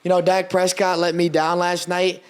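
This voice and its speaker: A young man who speaks Portuguese as his first language co-hosts a casual sports podcast, animatedly breaking down his team and swearing freely. His voice sits high and smooth at a normal pace.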